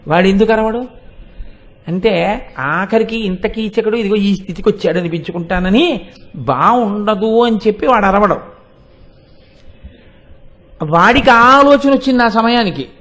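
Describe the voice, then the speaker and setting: An older man with a Telugu accent giving a devotional discourse on scripture, explaining slowly and emphatically and reciting verses. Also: high-pitched, fairly bright tone. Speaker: religious discourse speaker.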